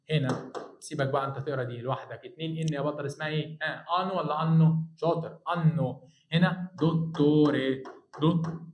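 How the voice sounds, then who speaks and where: Egyptian male tutor, fairly high voice, echoey room, slow word drills, encouraging. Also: a little mellow. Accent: Egyptian Arabic. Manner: drills words slowly, repeats each one, coaxes the student. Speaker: Italian language teacher. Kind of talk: online lesson for high school students.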